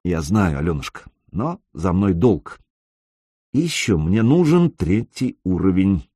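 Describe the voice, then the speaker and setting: A confident young gamer who soothes his worried girlfriend. His voice sits low and husky, dropping to soft murmurs, a man voicing him. The recording is dry and close. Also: very animated, measured pace, no echo, exaggerated voice. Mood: tender.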